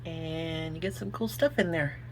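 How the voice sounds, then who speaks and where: Background noise sits under this deep-voiced woman, who hosts a crafting video and speaks at a measured pace. Hailing from Oklahoma and carrying its accent, she chats through each step and muses aloud as she goes.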